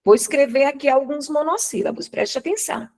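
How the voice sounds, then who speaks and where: A woman's voice: high voice, expressive, fairly quick, darkish tone. A woman teacher from Brazil giving a live online grammar lesson, asking questions and answering them herself. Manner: didactic, asks and answers her own questions.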